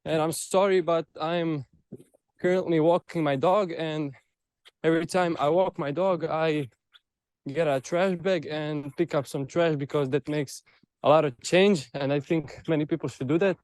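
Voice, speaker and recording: A man's voice: a little high, steady tone, normal speed, darkish tone, dry recording. A man from Croatia introducing himself hesitantly on a video call while walking his dog. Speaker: panel participant. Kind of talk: casual introduction.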